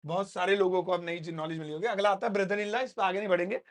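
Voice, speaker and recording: A man's voice: high voice, steady tone, fast. A man teaching an English grammar lesson in a classroom, explaining in a playful way with joking asides to his students. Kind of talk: spoken English lesson in Hindi.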